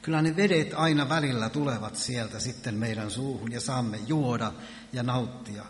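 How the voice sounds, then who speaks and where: A man preaching a sermon in earnest, with emphatic rises on key words. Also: medium pitch. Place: church hall. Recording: echoey church hall.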